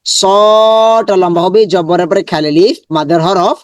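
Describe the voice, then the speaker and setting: High-voiced man drilling Quran syllables. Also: a little mellow, no echo. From Bangladesh. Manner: slow syllable-by-syllable drilling with repetition; chants the Arabic verse slowly and drawn out. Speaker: Quran teacher. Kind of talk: online Quran recitation lesson.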